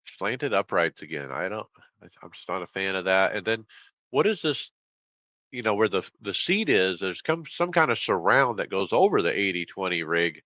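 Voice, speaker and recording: A man's voice: low voice, expressive, moderate pace, pushed and bright, dry recording. A man co-hosting a podcast, chatty and opinionated, on dull lo-fi audio. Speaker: podcast co-host. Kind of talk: casual chat.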